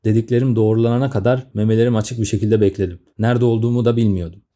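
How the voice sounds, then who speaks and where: Brief: 30s male comic narrator, sardonic grumbler, dark low voice, fast. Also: fairly even intonation. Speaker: storyteller.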